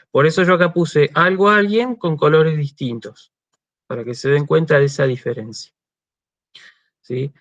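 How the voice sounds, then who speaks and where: A man's voice: a little high, a bit bright, no echo, highs cut off. A man with an Argentine accent gives a university lecture over a video call, explaining patiently and checking in with his listeners. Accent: Argentine Spanish. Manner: explanatory, frequent "¿sí?" check-ins and "este" fillers. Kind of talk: online lecture.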